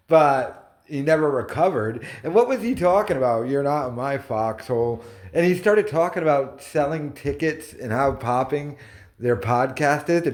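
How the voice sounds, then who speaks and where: A man giving off-the-cuff commentary as a host, in an exasperated, mocking manner. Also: mid-range voice. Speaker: YouTube commentator. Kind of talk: reaction commentary, off-the-cuff rant.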